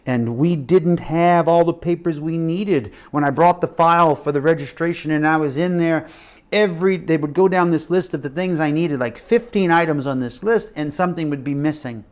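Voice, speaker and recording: A middle-aged man preaching a sermon, telling a personal story with animated delivery and shifts between loud and hushed. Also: fairly high pitch, moderate pace. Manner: animated storytelling with acted quotes and shifting loudness. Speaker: missionary preacher.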